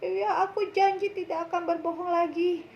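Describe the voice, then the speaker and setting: A woman voicing a mischievous young shepherd boy, shouting shrilly and laughing teasingly in a storybook tale for children. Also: very high-pitched, flat delivery, normal speed, creaky, dull audio, a little hiss or hum, pitched above the performer's own voice. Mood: remorseful.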